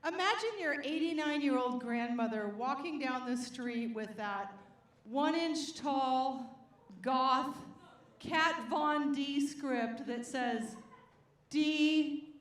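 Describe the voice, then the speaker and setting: A woman's voice: high-pitched, slow, a bit bright. A middle-aged woman performing a stand-up comedy set on stage, with a wry, punchy delivery that draws out the punchlines. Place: comedy stage before a live audience. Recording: roomy live venue.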